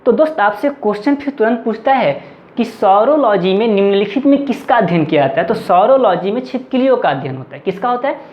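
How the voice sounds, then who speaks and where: A man's voice: sits high, lively intonation, a little fast. A man with a Bihari Hindi accent teaching an exam-prep lesson, asking questions and answering them himself again and again. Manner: drills points with repeated question-and-answer. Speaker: competitive exam tutor. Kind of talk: classroom-style lecture. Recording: echoey, slightly dull recording.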